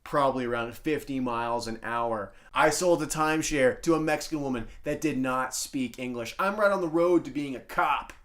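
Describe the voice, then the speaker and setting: Excitable ranting male podcast co-host. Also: moderate pace, few pauses. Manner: excitable ranting, voice jumping up loud and high when worked up. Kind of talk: improvised comedic podcast banter.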